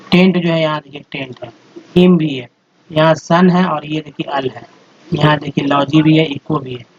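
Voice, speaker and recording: A man with a fairly high voice teaches English phonics from slides, repeating each sound patiently and often turning to his viewers as friends. The audio is dull and slightly lo-fi, with a faint hiss underneath. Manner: repetitive, step-by-step explaining, addresses viewers as friends. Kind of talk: slide-based phonics lesson.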